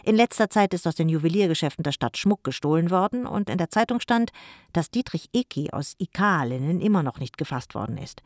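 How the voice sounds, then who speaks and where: An audiobook reader voicing a grumpy, fussy middle-aged uncle who loudly scolds the children. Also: mid-range voice, dry recording, clean studio sound, close to an everyday voice. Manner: scolding, bossy, loud.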